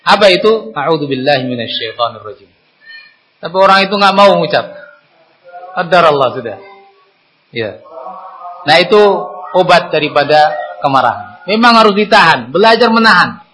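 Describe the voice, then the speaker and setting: A male preacher delivers a Friday sermon in a mosque. His voice is bright and slightly high, and his talk is lively and conversational. He often leaps up in pitch for emphasis and poses rhetorical questions. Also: moderate pace, long pauses, slight background noise, poor audio.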